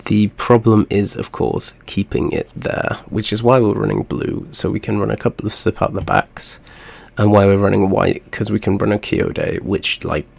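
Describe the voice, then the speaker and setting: Guy w a blocked nose, low gravelly voice, chill rambly game chat. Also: steady tone, moderate pace, a little mellow. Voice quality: nasal. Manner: easygoing and chatty, rambling asides. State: congested, stuffy nose from a cold. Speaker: host. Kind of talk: casual gaming commentary.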